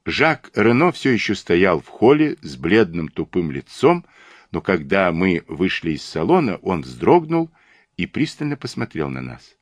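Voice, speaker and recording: A man narrating a detective novel in the first person, telling the story in a steady, expressive way. His voice is very deep, and his intonation rises and falls with real life. The recording is dry and close to the mic. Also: unhurried, no echo. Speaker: audiobook narrator.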